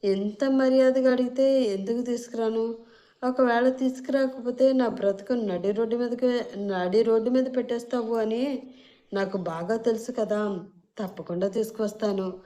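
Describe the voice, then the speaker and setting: A woman's voice: on the high side, fairly even intonation, normal speed, dark tone, pitched above the performer's own voice, lightly acted. A woman doing a jumpy, panicky young husband. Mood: grumbling. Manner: panicky, whiny and exclamatory.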